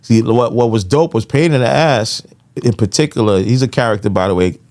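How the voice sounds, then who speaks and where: A middle-aged podcast co-host and music industry veteran talks casually and slangily, often tagging on "you know what I'm saying." His medium-pitched voice is a little fast and a little mellow, with no room sound.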